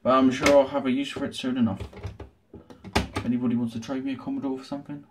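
A man's voice: medium pitch, flat delivery, fast talker. A man hosting a retro gaming video, chatting casually through an unboxing with dry, sarcastic asides from a small room at home. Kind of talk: casual show-and-tell unboxing. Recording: noticeable background noise.

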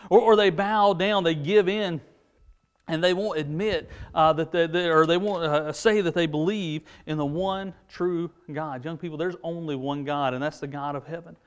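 A man in his forties telling a Bible story to children at a pulpit, animated, with frequent restarts. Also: a little high, clear, resonant tone. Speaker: junior church preacher. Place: indoor studio set at a pulpit.

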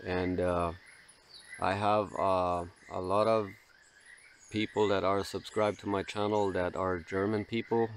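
A man's voice: sits low, a little hiss or hum. A young man who is not a native English speaker, talking casually to the camera by a river, often repeating words. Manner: halting, repeats words, relaxed. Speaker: vlogger. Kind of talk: casual solo camping vlog. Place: outdoors by a river. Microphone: camera mic close in front. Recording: outdoor camera audio, faint birds and insects.

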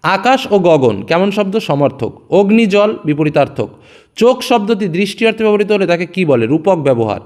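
A man teaching exam revision, reading each question aloud and then giving the answer in a lower, quieter voice. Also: very animated, normal speed.

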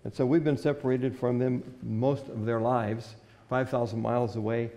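A man's voice: medium pitch, fairly even intonation, normal speed, dark tone, long reverb tail. An older man preaching a sermon from a church pulpit in an earnest, old-fashioned way, reading scripture aloud. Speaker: pastor. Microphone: stand microphone at the pulpit.

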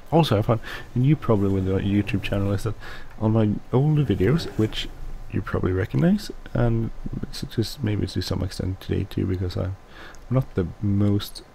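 A man whose first language is Swedish, speaking English with a Swedish accent as he hosts casual gameplay commentary, mumbling and halting with many restarts. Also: lowish voice, vocal fry, warm tone, slight background noise, rough recording. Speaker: let's play host.

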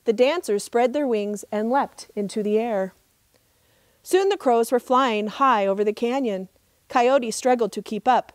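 Slow, higher-voiced woman telling a trickster tale. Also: no echo, studio quality. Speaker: park ranger reading a children's story. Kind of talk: expressive storybook narration. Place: outdoors in open desert.

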